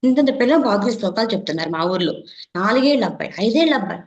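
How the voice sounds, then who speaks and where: A woman's voice: mid-range voice, lively intonation, rapid-fire, a little mellow. Earnest woman in her forties, echoey lo-fi. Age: 40s. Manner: earnest and emphatic, with repeated phrases. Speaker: meditation class participant. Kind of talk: personal testimony to a group. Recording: roomy, dull lo-fi sound.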